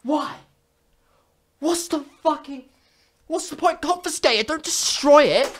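A British man in his twenties giving crude, mocking, sweary reaction commentary in an animated way. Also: extremely high pitch, unhurried. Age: 20s. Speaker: reaction video host. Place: small foam-padded room, indoors.

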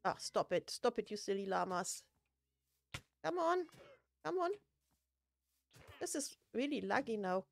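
A woman's voice: medium pitch, sing-song, a little slow, creaky, long pauses, slight background noise. A woman streaming a building game, chatting casually, laughing often and poking fun at herself. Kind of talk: casual gameplay chat.

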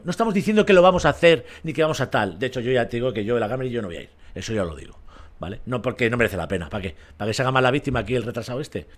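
A man with a Spain Spanish accent, ranting on a livestream in a blunt, profane, combative way and keeps asking his audience if they agree. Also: medium pitch. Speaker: streamer.

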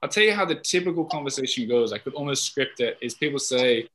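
A man's voice: mid-range voice, expressive, fast talker, a bit bright, slight background noise. A man with an Australian accent, a podcast host, talking casually and rambling with lots of filler words on a video call. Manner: rambling, chatty, many fillers. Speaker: podcast host, guest speaker. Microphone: video call mic.

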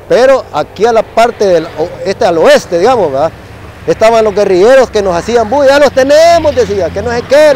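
Salvadoran ex-soldier, middle-aged man, high voice, chatty storyteller with a constant "va" tag and gunshot sounds. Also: a little mellow, slight background noise, low-quality recording. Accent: Salvadoran Spanish. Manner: tags nearly every phrase with "va", mimics gunshots. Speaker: former soldier telling a war story. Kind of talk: casual spoken storytelling.

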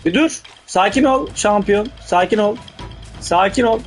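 A man commentates casually on a video game. He talks in rough street slang with heavy swearing and breaks into urgent, excitable bursts. Music plays behind him. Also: high voice, unhurried. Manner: excitable, blurts urgent outbursts. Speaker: gaming video host. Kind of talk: casual live gameplay commentary.

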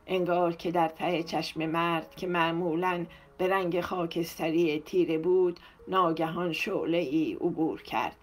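A woman narrator calmly reading a novel aloud for an audiobook. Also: on the low side.

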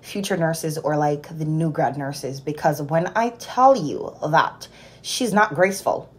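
Her voice low and unhurried, this Jamaican nurse in her twenties shares a story from work in a casual vlog. She holds her phone at arm's length in a small room at home, and her telling is animated and exasperated.

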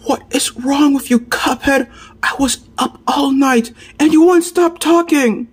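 Daffy: a woman doing a shrill, cranky cartoon duck. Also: measured pace. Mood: furious. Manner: shrill, yelling, short-tempered. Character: cranky sleep-deprived male cartoon duck. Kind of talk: plush toy puppet show.

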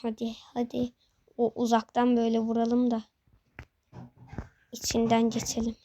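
Repeating the same phrases constantly and yelling urgent orders at the screen, a young host plays and commentates live with excitement. Their mid-range voice moves at a normal speed, and the rough recording has a little hiss or hum.

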